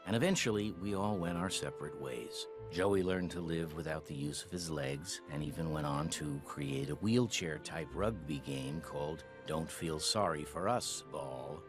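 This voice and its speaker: A man's voice: rumbling low, moderate pace, few pauses. An actor voicing a wistful grown man narrating boyhood memories over faint music. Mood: reflective. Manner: reflective storytelling narration.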